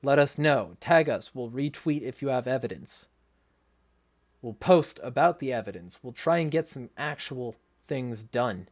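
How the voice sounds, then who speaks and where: Male livestream host, mid-pitched, blunt and sweary, indignant ranting with some sarcasm. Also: expressive, measured pace. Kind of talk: ranting livestream talk, reading viewer comments.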